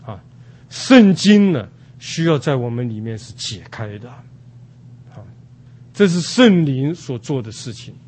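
An older man from Taiwan preaching a sermon at an unhurried pace, with many drawn-out "ah" fillers. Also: medium pitch, sing-song, a little mellow, husky.

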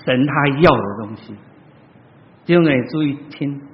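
Male pastor, storytelling sermon, loud bursts and quiet asides, long hall reverb, muffled lo-fi sound. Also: medium pitch, normal speed. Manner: storytelling preacher, swinging between loud exclaims and soft asides.

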